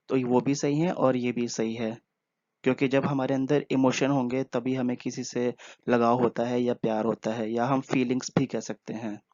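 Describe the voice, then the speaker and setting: A man who is teaching vocabulary in a casual, unhurried way, pausing often and using fillers as he explains. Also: mid-range voice, darkish tone, no room sound. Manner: explains slowly with many pauses and fillers. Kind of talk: casual spoken vocabulary lesson. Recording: dull, dry, lo-fi voice-over.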